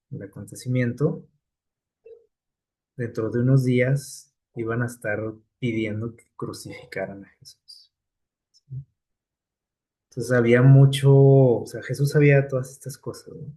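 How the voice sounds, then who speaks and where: A man's voice: medium pitch, warm tone. A man preaching a casual, conversational sermon, full of fillers and tag questions to his listeners.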